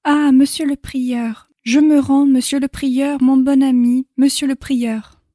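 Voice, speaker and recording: A woman's voice: a little high, steady tone, a little slow, dark tone, no echo, clean studio sound. A woman reading an audiobook voices a terrified male archer who pleads for mercy and keeps repeating titles. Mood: frantic pleading.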